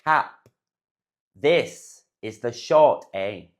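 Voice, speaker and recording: A man with a British accent teaching a phonics lesson, saying words slowly and clearly for learners to repeat after him. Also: medium pitch, lively intonation. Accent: British English. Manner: slow, clear, deliberately enunciated words. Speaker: English pronunciation teacher.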